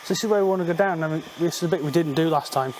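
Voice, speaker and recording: A man's voice: a little high, racing, darkish tone, slight background noise. A man guiding a friend through a slate mine, explaining features with dry jokes. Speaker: mine guide. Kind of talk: casual chat. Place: inside a large slate mine.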